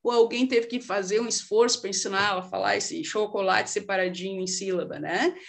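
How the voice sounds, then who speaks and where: A woman's voice: mid-range voice, steady tone, fairly quick, gravelly. A middle-aged woman with a Brazilian accent giving an informal lecture on literacy, with many fillers and rhetorical questions. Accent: Brazilian Portuguese. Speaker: lecturer on literacy and child development.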